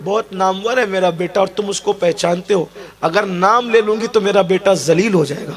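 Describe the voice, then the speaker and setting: A man voicing an elderly mother in a sermon story. She is devoted to her son and speaks with rising passion. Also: high voice. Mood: indignant. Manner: impassioned, rising to shouts.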